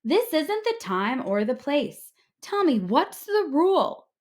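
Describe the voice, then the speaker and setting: A woman voicing a patient, firm female fish schoolteacher who instructs gently in a children's storybook. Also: high-pitched, big pitch swings, takes it slowly, voice pushed up, heavily acted. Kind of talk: children's storybook read-aloud.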